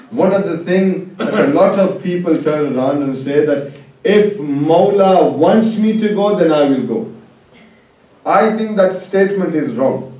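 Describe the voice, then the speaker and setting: In a very echoey religious hall, a man with a high, mellow voice preaches an Islamic sermon over public address, urging the crowd on with rhetorical questions. The mic is distant from him.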